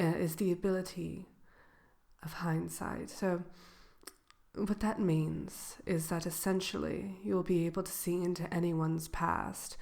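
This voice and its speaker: A woman playing a sly, genteel wicked witch shopkeeper in a soft, partly whispered ASMR roleplay, speaking with hesitant formality. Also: fairly low pitch, gravelly, heavily acted. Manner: slow, hesitant drawl with genteel, formal wording. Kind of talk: ASMR roleplay, soft-spoken to one listener.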